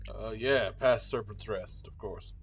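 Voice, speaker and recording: A man with a low voice narrates a tabletop game as its game master. He describes the scene casually and loosely, with plenty of ums and likes. The recording is dull and lo-fi. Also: unhurried.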